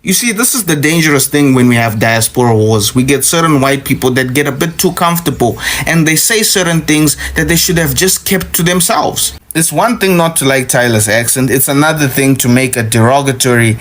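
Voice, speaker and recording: A man's voice: mid-range voice, a little fast, hardly any pauses, fairly bright tone. Guy commenting earnestly, kinda pleading.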